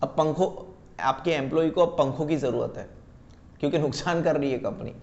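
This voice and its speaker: A man teaching a class, reading English terms out slowly and checking that his students follow, calling them beta. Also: a little high, darkish tone, lo-fi sound. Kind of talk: class lecture.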